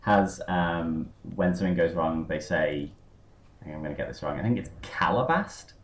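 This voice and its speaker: A man's voice: deep voice, lively intonation, moderate pace, a little hiss or hum. A man hosting a podcast, rambling through a casual chat with lots of fillers and tangents. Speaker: podcast host. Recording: roomy echo.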